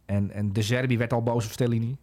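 Male football pundit, casual podcast, hesitant with lots of "eh", mid pitch. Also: fairly even intonation, fast talker, a little mellow. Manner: hesitant, many fillers and restarts. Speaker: football analyst.

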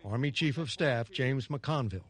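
A man's voice: mid-range voice, moderate pace. A man with an American accent reading scripted narration for a broadcast news report. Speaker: news correspondent.

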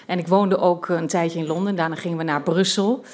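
A woman's voice: fairly low pitch, fairly even intonation, fairly quick, darkish tone. A woman from Twente telling a personal story at a live storytelling event, chatty and hesitant, with many filler sounds. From Twente, Netherlands.

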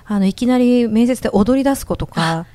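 A woman's voice: fairly high pitch, expressive, normal speed, mellow. A woman co-hosting a podcast interview, chatty and encouraging as she draws out the guest. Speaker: podcast co-host, former announcer applicant.

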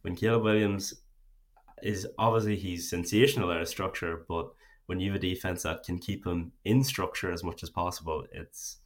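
An Irish man gives casual sports analysis on a podcast. His voice sits very low, in a deep register. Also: steady tone, moderate pace.

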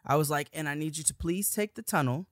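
A woman's voice: low voice, quick pace, dry recording, clean studio sound. A young woman, a podcast co-host and student, telling a story in a casual chat with emphatic, profane bursts.

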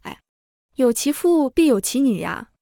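A woman's voice: high-pitched, sing-song, measured pace, gravelly, mellow, no echo, studio quality, heavily acted. A woman doing a grumbling, impatient innkeeper. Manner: grumbling, irritated.

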